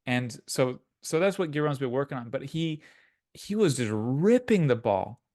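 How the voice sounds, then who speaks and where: A man co-hosts a casual podcast chat at a middle pitch. He rambles, circling back with restarts and filler words. The recording is dry and close, with no room sound. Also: lively intonation, normal speed, a little mellow, no echo. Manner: rambling, many restarts and likes. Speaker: podcast co-host.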